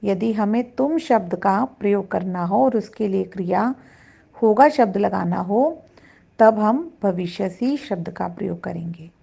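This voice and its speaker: Slow, patient woman teaching grammar. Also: medium pitch, gravelly, mellow, husky. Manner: slow, patient, recites verb forms deliberately. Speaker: Sanskrit teacher. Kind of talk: classroom grammar lesson.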